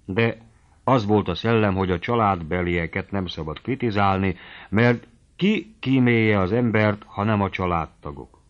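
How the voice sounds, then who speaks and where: A man reading a novel aloud as an audiobook narrator, calm and measured. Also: fairly low pitch, dull audio.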